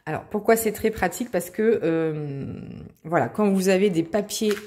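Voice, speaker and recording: A woman's voice: medium pitch, normal speed, a little mellow. A middle-aged woman hosts a craft tutorial in an easygoing voice. She explains as she goes, with frequent hesitations and restarts. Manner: chatty, many hesitations and restarts. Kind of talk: casual how-to explanation.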